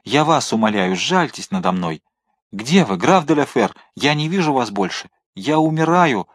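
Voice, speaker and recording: A man acting out a drowning young villain in a storybook reading, gasping pleas that climb high and strained, all frantic desperation and hatred. The sound is dry and close, with no room around it. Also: big pitch swings, moderate pace, no echo. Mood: desperate. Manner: pleading, frantic cries.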